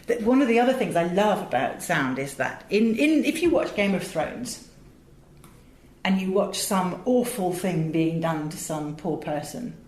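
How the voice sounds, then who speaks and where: This interview guest is a middle-aged woman from England who directs voices and produces radio. Her tone is darkish and her pitch on the low side, and she talks in a chatty, articulate way, digressing as she tells stories in a roomy, echoey recording.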